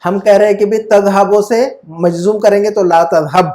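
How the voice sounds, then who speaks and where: His voice sits high with a dark tone and fairly even intonation, coming through a video call microphone. Patiently teaching Arabic grammar to a single student online, he checks again and again that the learner keeps up.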